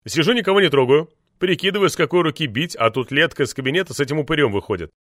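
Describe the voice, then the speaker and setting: A man playing a loud, hammy stuntman. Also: on the high side, very fast, no room sound, clean studio sound. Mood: mocking. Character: brash, boisterous male stuntman actor.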